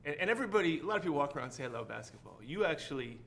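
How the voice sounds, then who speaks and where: A man's voice: a little high, sing-song, rapid-fire, creaky, fairly bright tone, a little hiss or hum. A man hosting a sit-down interview, asking questions and nodding along with short affirmations. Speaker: interview host.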